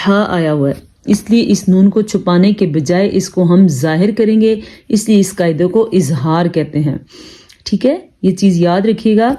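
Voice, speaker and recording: Woman teaching Quran reading, mellow voice. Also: lowish voice. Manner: explains briskly, then reads syllables slowly and deliberately; calm instructive tone, addresses listeners as "janab". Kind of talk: tajweed lesson, spelling out syllables.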